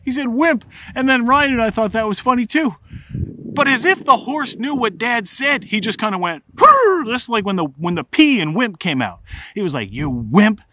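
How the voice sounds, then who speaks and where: A middle-aged man, telling a funny personal story in an animated, comic way. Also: extremely high pitch, normal speed. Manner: animated, comic, builds to excited outbursts. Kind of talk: casual spoken storytelling.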